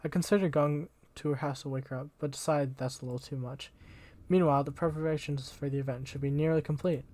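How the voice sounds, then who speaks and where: A man's voice: a little high, steady tone, fast, dark tone. A young man reading a visual novel aloud as the channel host, casual and slangy, tripping over words now and then.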